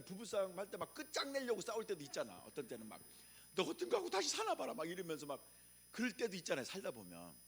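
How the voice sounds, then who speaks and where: A man's voice: sits high, slight background noise. A male pastor from preaching a revival sermon, calling on the congregation to repeat after him and answer back. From Chungcheong, Korea.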